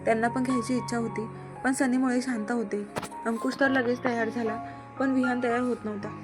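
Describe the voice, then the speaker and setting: A woman's voice: fairly high pitch, fairly even intonation, fairly quick. A woman reading a romantic serial story aloud, voicing all the characters herself without much change in her voice. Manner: reads every character herself with little change in voice. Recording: music bed under voice.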